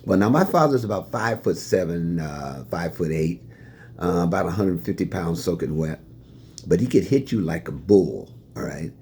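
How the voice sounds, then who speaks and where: A man's voice: low-pitched, normal speed, slight background noise. An older man from Indiana telling stories from his life, chuckling as he answers questions. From Fort Wayne, Indiana, USA. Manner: animated, chuckling anecdotal storytelling. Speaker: retiring staff member sharing life lessons.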